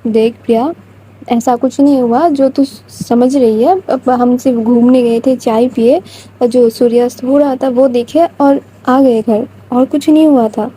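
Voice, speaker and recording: A woman's voice: fairly high pitch, steady tone, measured pace, warm tone, breathy edge, poor audio. A woman voicing a shy flustered young woman. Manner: defensive, brushing off questions.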